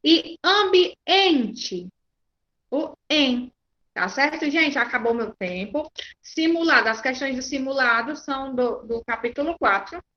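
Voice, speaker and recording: A Brazilian woman teaching over a video call, her voice high and bright. She is patient and stops often to check that the class keeps up. The audio is muffled and lo-fi. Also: moderate pace. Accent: Brazilian Portuguese. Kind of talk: online class lesson.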